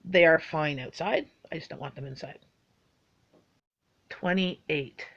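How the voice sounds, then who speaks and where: A woman's voice: sits low, fairly bright tone. Chatty woman, dull lo-fi sound. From Bahamas. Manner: chatty, rambling with fillers. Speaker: vlogger. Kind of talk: casual list of personal facts.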